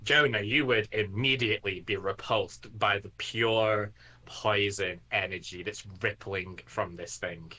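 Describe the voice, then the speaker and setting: A man runs a tabletop game in a fairly low, bright voice. He improvises the narration at a very unhurried pace, halting mid-sentence as he builds each scene. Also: rough recording. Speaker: game master.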